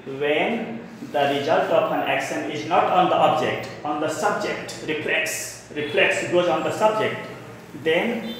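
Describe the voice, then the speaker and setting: A man's voice: fairly high pitch, fairly bright tone. Indian man teaching grammar, echoey room. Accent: Indian English. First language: Hindi. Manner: repeats terms, spells words aloud, explains in Hindi. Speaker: English teacher. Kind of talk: classroom grammar lesson. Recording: echoey room with long reverb, faint noise.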